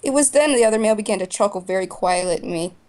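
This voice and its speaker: A woman narrating a story in the first person for a voice drama, in a plain, even way. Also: mid-range voice, very fast. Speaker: narrator and main voice actor.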